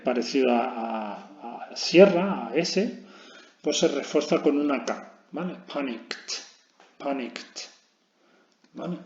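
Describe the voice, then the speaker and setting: A man with a gravelly edge to his mid-pitched voice walks through a recorded lesson one step at a time. He keeps checking in with the learners as he explains. The sound is dull and lo-fi, with a roomy echo around him. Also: a little mellow. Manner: explains step by step, constant "¿vale?" check-ins. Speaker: English teacher.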